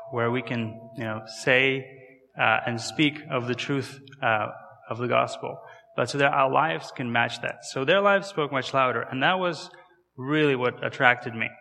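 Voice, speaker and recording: His medium-pitched voice is bright and forceful, trailing off into a long reverb. He is a Kazakh man in his thirties, accented accordingly, preaching as a guest missionary in a conversational style and questioning the congregation.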